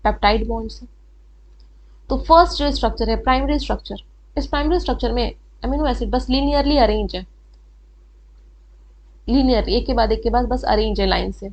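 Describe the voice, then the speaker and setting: A woman teaching biology with an Indian English accent, mixing Hindi and English and slowing down on key terms as she draws. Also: on the high side, darkish tone. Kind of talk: whiteboard lesson explaining step by step.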